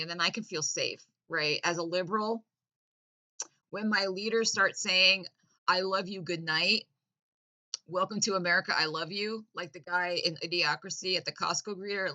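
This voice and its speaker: A woman's voice: fairly low pitch, bright, forceful tone. A woman delivering a sarcastic, mock-earnest political rant, sometimes laughing at her own irony. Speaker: satirical commentator.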